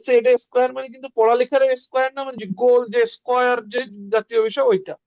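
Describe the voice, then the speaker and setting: A woman's voice: on the high side, steady tone, fast talker, darkish tone, no room sound. A woman teaching a beginner language lesson, repeating sounds one by one and quizzing the listener on word meanings. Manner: drills sounds with repetition and quizzing questions. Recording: dry, muffled lo-fi sound.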